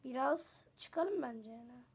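High-voiced woman narrating her game. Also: lively intonation, slow, slightly rough. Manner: chatty, addresses viewers, frequent exclamations; flustered when in danger. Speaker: gameplay video creator. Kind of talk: casual gameplay commentary.

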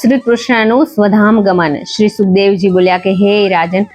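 A woman reading a devotional scripture story as narrator, in an even, measured storytelling delivery. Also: medium pitch, soft background music.

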